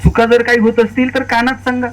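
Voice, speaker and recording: A man's voice: flat delivery, fast, low-quality recording. A man speaking lecture style to an audience, telling humorous stories and acting out the dialogue in changing voices. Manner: storytelling, acts out quoted dialogue with shifting pitch. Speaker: public speaker. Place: stage at a lecture series before an audience.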